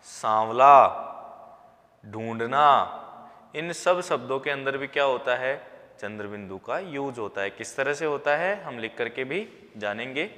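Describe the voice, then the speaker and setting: A man teaching a lesson, sounding words out slowly syllable by syllable. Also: mid-range voice, sharp tone, big-room sound. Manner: slow, drawn-out syllable-by-syllable pronunciation. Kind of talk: classroom lesson on Hindi spelling.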